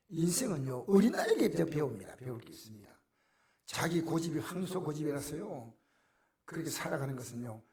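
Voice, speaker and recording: Gravelly, animated pastor. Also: male voice, a little high. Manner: dramatic, swinging from hushed near-whispers to loud exclamations. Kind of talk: sermon.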